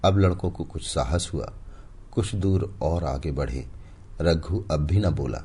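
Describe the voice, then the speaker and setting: A man narrating a classic short story in an expressive, dramatic reading style. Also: a bass voice, a little slow, slightly rough. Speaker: audiobook narrator.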